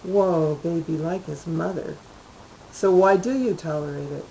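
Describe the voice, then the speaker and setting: Sharp resentful wife in a story reading, woman voicing her, lowish pitch, pointed questions. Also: a little slow, vocal fry, slight background noise, poor audio. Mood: exasperated.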